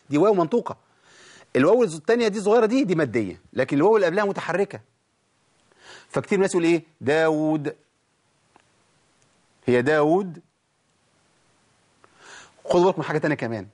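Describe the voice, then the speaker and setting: An Egyptian man teaches the rules of Quran recitation in a slightly higher-than-usual voice. He keeps quizzing his listeners with rhetorical questions and stretches out example words to show how they should sound. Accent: Egyptian Arabic. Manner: explains with rhetorical questions and demonstrates slow recitation. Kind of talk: recorded tajweed lesson.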